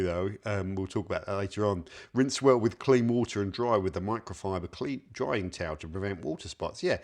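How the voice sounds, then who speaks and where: Wry, chatty man reviewing products. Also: lowish voice. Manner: chatty and wry, reads labels aloud with dry asides. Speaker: car detailing reviewer.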